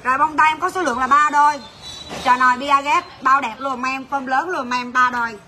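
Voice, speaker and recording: High-voiced shop owner. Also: female voice, steady tone, pushed and bright, a little hiss or hum. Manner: rapid, blunt teasing banter with staff, laughing often. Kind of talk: livestream sales chat.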